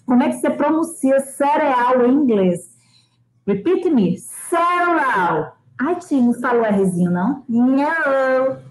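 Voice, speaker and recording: Brazilian teacher lady doing a live class for kids from her kitchen, slow and drawn out, kinda high voice, roomy sound. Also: lively intonation, darkish tone. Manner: slow, drawn-out repetition of words for children to copy; calls herself auntie and reads out viewers' names. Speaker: English teacher. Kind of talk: live online lesson for children. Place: home kitchen.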